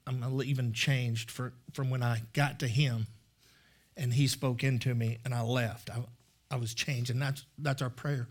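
A man preaching a sermon in a church, speaking candidly, with many halting restarts. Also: mid-range voice. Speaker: guest preacher. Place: church sanctuary.

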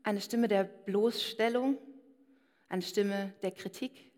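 A woman's voice: mid-range voice, steady tone, takes it slowly, darkish tone. A woman giving a personal sermon and speaking straight to her listeners. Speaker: preacher. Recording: long hall reverb.

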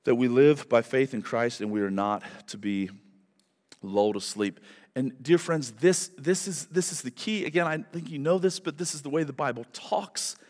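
A man's voice: mid-range voice, normal speed, a little mellow. Pastor guy preaching into a pulpit mic, emphatic, voice ringing out in a big church hall. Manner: emphatic preaching, builds to fervent repetition. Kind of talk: sermon. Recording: long hall reverb from a church.

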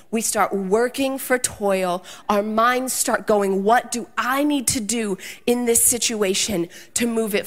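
A woman preaching a sermon, telling a personal story in an animated way and acting out the quotes. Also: a little high.

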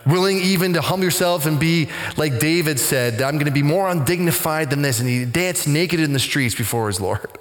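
A middle-aged man, a pastor, telling a story in a conversational sermon and growing animated as he recounts it. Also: a little fast, hardly any pauses. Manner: conversational, animated when retelling, rising pitch in excitement. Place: church sanctuary. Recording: long hall reverb in a church.

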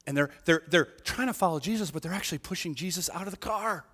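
A man preaching a sermon in a conversational, animated way, often checking in with the listeners. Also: sits high, quick pace, slightly rough, in a large hall. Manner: animated, conversational preaching with frequent "right?" asides. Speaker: pastor.

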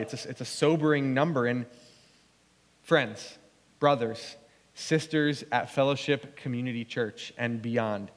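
Earnest male pastor in a reverberant church. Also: mid-range voice. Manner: earnest, conversational preaching with restarts. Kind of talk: sermon. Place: church sanctuary. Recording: long church hall reverb.

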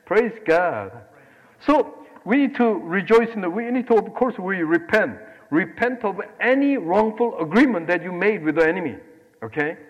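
A man from Korea preaching a sermon, animated, swinging between loud exclamations and quiet asides. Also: high voice, normal speed, big-room sound, lo-fi sound. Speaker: pastor.

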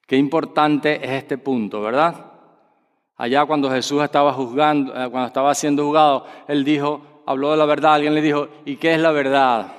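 A man preaching a sermon, projecting his voice and asking the congregation rhetorical questions. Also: fairly high pitch. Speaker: pastor. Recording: long reverb of a church hall.

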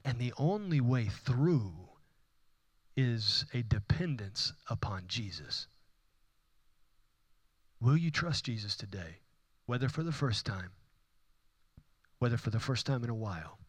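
Preaching in church, this man from Houston, Texas works through repetitive, emphatic phrases that keep climbing in intensity. His medium-pitched voice swings widely in pitch, moves a little slowly with long pauses, and the recording is dry.

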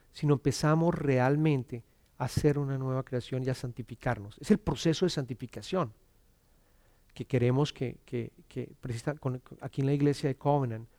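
In a church, a middle-aged Colombian man preaches an earnest sermon, often repeating words as he begins and dropping to a soft hush when reading scripture. His voice is medium-pitched, with no echo.

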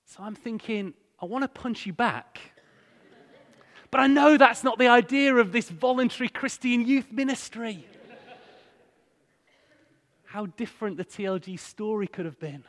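A man from Hull, England, invited to speak at a church, addresses the congregation live in a large hall that rings with long reverb. His extremely high, somewhat bright voice moves at a moderate pace, and with a northern English accent he tells stories and asks conversational questions, sermon-style.

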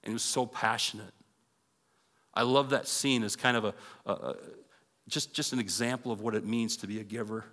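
A man's voice: fairly low pitch, steady tone, fairly quick, a bit bright, big-room sound. A male pastor preaching a conversational sermon in a church and leading an earnest prayer. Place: church sanctuary.

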